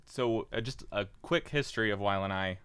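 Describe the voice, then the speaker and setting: A young man, a podcast guest, chatting casually with jokes and halting fillers. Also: lowish voice, fairly bright tone, clear, resonant tone, dry recording. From Indiana. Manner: joking, self-deprecating, halting with fillers. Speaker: podcast guest, market board member. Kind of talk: casual interview chat.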